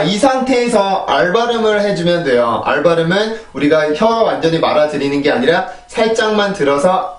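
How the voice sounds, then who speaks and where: A man's voice: on the high side, reverberant, far from the mic. A man giving a patient pronunciation lesson, explaining each sound and repeating it for practice. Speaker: English pronunciation teacher.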